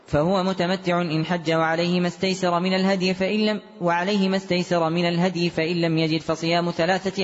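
A man reading a classical text aloud as a student, in a rapid, even recitation with occasional chanted tones. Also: high-pitched. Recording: dull lo-fi recording in a long-reverb hall.

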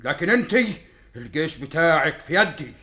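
An actor with an Egyptian accent playing a wicked, boastful demon king with a gravelly voice and evil-laughing menace in a radio fantasy. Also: fairly high pitch, very animated, a little fast, bright, forceful tone. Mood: menacing, scheming.

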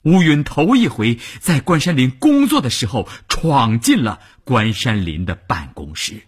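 Very husky male radio storyteller. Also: measured pace. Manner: highly expressive, dropping to whispers and swelling again. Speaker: radio novel reader. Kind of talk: dramatic radio novel reading.

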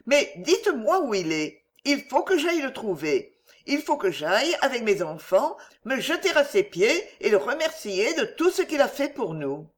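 A man's voice: very high voice, sing-song, unhurried, a bit bright, pitched above the performer's own voice, exaggerated voice. A man voicing an anxious, grateful French countess in an audiobook, earnest and pleading.

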